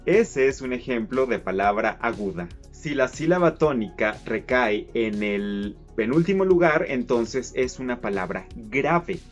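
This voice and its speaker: A man's voice: mid-range voice, expressive, measured pace, few pauses, soft background music. A man teaching casually, stretching words out syllable by syllable to show how they sound. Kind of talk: casual explainer lesson.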